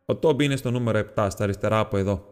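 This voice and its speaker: A man voicing a gruff, lanky old man who keeps animals and speaks in a fussy, irritable way, in an audiobook reading. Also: on the low side, a little mellow, long reverb tail, natural voice. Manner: irritable, then fussy and welcoming.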